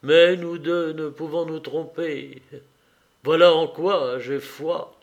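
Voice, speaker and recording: A man reading the part of a dying older man who murmurs hoarsely, slowly, with long pauses. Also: on the high side, steady tone, pitched above the performer's own voice. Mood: weak, hoarse.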